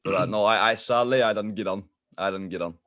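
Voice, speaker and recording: A man's voice: lowish voice, fast, fairly bright tone. A young man with a strong Derry accent from Northern Ireland, chatting casually and jokingly as a podcast guest. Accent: Derry, Northern Irish. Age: young adult. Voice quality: strong regional accent, hard to understand at times. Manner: joking, self-deprecating. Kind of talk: casual chat. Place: bedroom, on a video call.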